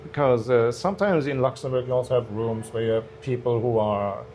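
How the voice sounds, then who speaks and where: A man's voice: mid-range voice, brisk, a little mellow, a little hiss or hum. A man, a stand-up comedian guest, telling stories in a casual interview, hesitant with many restarts. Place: bar cellar.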